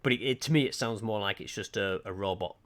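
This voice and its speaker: Speaking fast with a fairly low voice, a Lancashire man runs an art livestream, mic on his desk and webcam switched off. He chats casually with viewers in his Lancashire accent, rambling and poking fun at himself, hesitating with plenty of ums.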